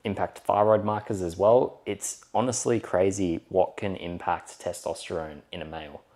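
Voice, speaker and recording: A man's voice: deep voice, steady tone, moderate pace, warm tone. A man co-hosting a podcast, explaining things in a chatty, rambling way with plenty of fillers. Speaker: podcast co-host. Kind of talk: casual podcast chat.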